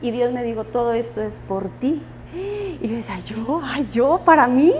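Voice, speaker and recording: A woman's voice: on the high side, normal speed, darkish tone, in a large hall, a little hiss or hum. A woman giving her personal testimony in church, emotional and laughing often as she quotes the voices of God and friends.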